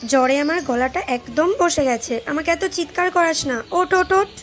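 A woman's voice: sits high, fairly quick, faint music behind, natural voice. A woman playing a nagging cartoon mom. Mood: scolding. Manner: nagging, scolding, then soothing. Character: scolding but caring young mother. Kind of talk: Bengali cartoon voice acting.

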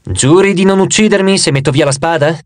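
A man's voice: fairly high pitch, fairly quick, dry recording, lightly acted. A man voicing a grey-haired swordsman in his fifties, an easygoing and matter-of-fact fencing instructor in an audiobook.

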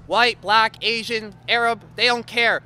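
A man's voice: steady tone, unhurried, sharp tone. A man hosting a casual outdoor interview, goofy and teasing, recorded on a street. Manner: goofy, teasing, fake-ad pitch. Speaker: interview host.

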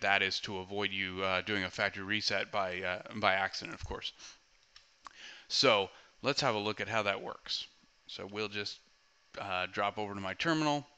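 A male trainer talks through a command-line demo at an easy, conversational pace, dropping in frequent fillers. His voice sits somewhat low but sounds very bright and forward. The tone is smooth and clean throughout. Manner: relaxed, conversational, many "uh"s. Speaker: product trainer. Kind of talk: screen-recorded tech tutorial voice-over.

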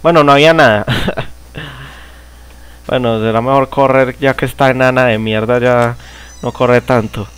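A man's voice: medium pitch, steady tone, normal speed, long pauses, a bit bright, smooth. A young Colombian man with a Paisa accent, cursing and grumbling while he plays a horror game. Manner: cursing, shrieking and laughing in mock panic. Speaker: gamer. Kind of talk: angry let's-play commentary. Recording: game music behind the voice.

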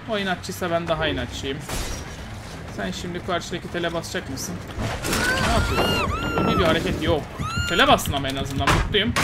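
A Turkish man giving heated, taunting commentary while playing a game, swinging between loud outbursts and muttering. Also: high voice, slight background noise. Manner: excitable, frustrated, taunting, swings loud and quiet. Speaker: gaming YouTuber. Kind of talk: live gameplay commentary.

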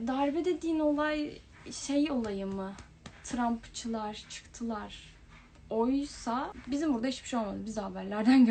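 A woman's voice: fairly high pitch, darkish tone. A young woman hosting a casual livestream, reading viewers' comments aloud and answering them in a chatty way. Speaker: livestream host. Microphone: phone or webcam livestream.

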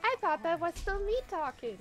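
A woman's voice: very high voice, lively intonation, moderate pace, music in the background. A woman chatting casually while playing a game with friends, with giggly, playful banter. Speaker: game player. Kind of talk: casual chat while gaming.

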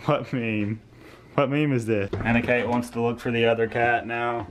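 A man's voice: medium pitch, level tone, moderate pace. Young guy vlogging on a phone outside, kidding around, faint outdoor hiss. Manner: joking, playful, talks to his pets. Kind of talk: casual vlog chat. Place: outdoors in a yard.

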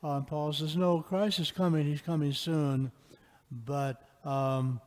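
A priest chanting and then preaching a homily in a relaxed way with fillers, his voice ringing with a long church reverb. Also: on the high side, slow pace. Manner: conversational preaching with frequent fillers. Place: large church.

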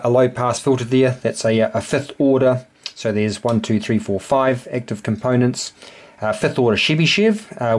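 A man with a New Zealand accent talking casually and a little hesitantly about his hobby, in an easygoing explaining manner. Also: mid-range voice. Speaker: amateur radio builder and host. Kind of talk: casual hands-on hobby demonstration. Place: indoor home electronics workbench.

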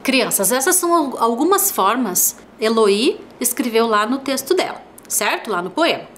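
A woman's voice: on the high side, very animated, normal speed, fairly bright tone, slight background noise. A woman teacher with a Brazilian Portuguese accent giving a televised primary school lesson, stretching out words syllable by syllable and asking the children questions.

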